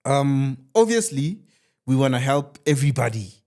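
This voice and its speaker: A man voicing a slick male seminar presenter with a put-on British accent, pitching a deal and building hype. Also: sing-song, normal speed, warm tone. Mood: smooth pitch.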